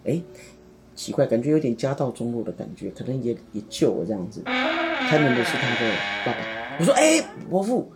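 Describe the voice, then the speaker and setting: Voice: mid-range voice, very animated, a little fast, over loud music. A podcast co-host, casually chatting and retelling a story theatrically, acting out the dialogue. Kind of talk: casual chat, dramatic storytelling.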